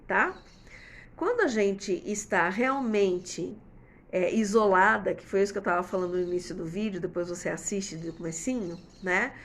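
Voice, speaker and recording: A woman in her fifties gives casual parenting advice to viewers, chatting with lots of "né?" tag questions and everyday examples. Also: mid-range voice. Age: 50s. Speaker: host answering viewer comments.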